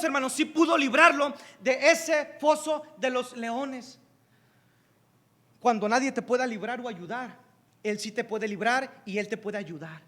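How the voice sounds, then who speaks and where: A man with an extremely high, bright, forceful voice preaches a sermon as pastor. He repeats phrases emphatically and keeps calling out to the congregation, dropping to hushed passages and rising to loud climaxes. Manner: swings between hushed lows and loud climaxes.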